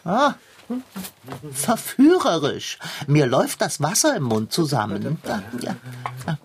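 A woman's voice: deep voice, huge pitch swings, slow pace, background noise, full character voice. A woman voicing a fussy, theatrical gourmet tomcat who talks in grand, old-fashioned phrases. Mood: haughty. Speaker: pet cat of the household.

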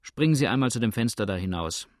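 A man voicing a calm, shrewd innkeeper who speaks in a dry, matter-of-fact way. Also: lowish voice, fast talker, no echo, lightly acted. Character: calm, shrewd male innkeeper, dryly indifferent.

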